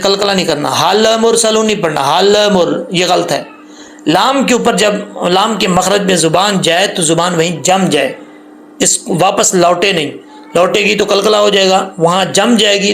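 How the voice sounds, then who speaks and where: A man teaching tajweed rules patiently, repeating points and drawing out the recited syllables slowly. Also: high-pitched, creaky, a bit bright, slight background noise. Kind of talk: tajweed lesson with slow recited examples.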